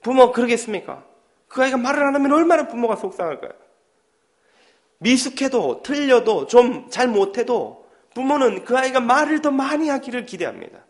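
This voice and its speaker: A man preaching a sermon as pastor, telling a family story and acting out its dialogue with lively voices. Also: very high voice, moderate pace. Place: church sanctuary.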